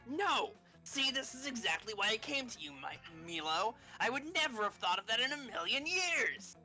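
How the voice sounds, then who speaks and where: Woman voicing scheming game demon, dramatic, exclamatory, bright, swooping pitch, music behind. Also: sing-song, moderate pace. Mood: excited. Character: boisterous, scheming demon eager to impress and betray.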